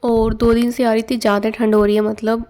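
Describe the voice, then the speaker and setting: Young female vlogger, casual chatty narration, fairly high voice with a warm mellow timbre. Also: level tone, a little fast. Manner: chatty, loose Hindi-English mix with fillers. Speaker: exam aspirant vlogger. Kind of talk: casual study vlog narration. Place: at home.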